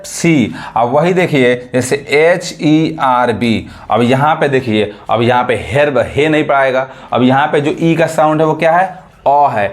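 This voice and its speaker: Man, teacher, slightly high voice, rhetorical questions, slow spelling of letters. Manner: asks rhetorical questions and answers them himself. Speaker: English teacher. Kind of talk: classroom-style lesson explanation.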